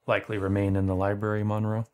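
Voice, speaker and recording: A man's voice: lowish voice, monotone, fast talker, a little mellow. A man narrating as game master, rambling and full of fillers.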